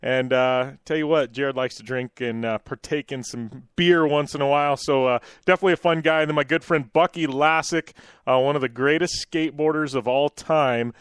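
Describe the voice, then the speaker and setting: A man's voice: medium pitch, steady tone, normal speed, clear, resonant tone, dry recording, clean studio sound. A man hosting a radio show in a casual, chatty style.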